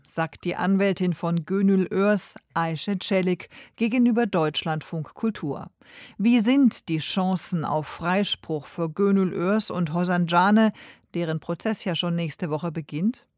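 A woman presenting a radio news segment in a clear, composed, scripted way. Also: on the low side, darkish tone, no echo, clean studio sound.

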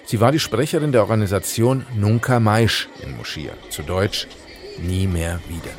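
A man narrating a documentary in the first person as reporter, calm and reflective. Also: fairly low pitch, moderate pace, noisy background.

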